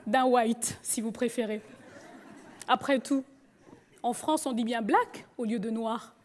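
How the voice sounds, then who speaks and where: A woman's voice: fairly high pitch, steady tone, takes it slowly, a faint crowd, slight background noise. A woman from Gabon telling her personal story with humor. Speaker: speaker.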